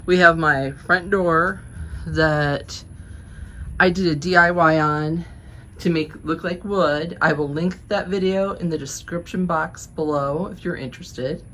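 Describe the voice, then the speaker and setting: Slightly breathless, the Georgia vlogger, from the southern part of the state, walks viewers through her home decorating in a casual, friendly way with small laughs. Her low-pitched voice is steady, a bit bright and a little slow. Birds chirp around her front porch outdoors, with a faint hiss or hum.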